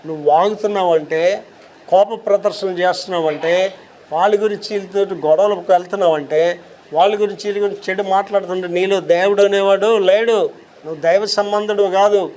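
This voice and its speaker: Male preacher, high tenor, emphatic sermon style, rhetorical questions, slow deliberate scripture readings. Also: steady tone, darkish tone. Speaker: pastor.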